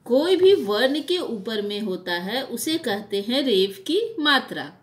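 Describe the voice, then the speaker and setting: A woman teaching Hindi to young children, speaking slowly and patiently, repeating words and asking the class questions. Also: on the high side, very animated.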